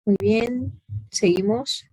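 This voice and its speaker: A woman's voice: a little high, takes it slowly, warm tone, slightly rough, no room sound. Lady teacher on a video call, patient and correcting, dry close sound. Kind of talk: online class review, giving feedback.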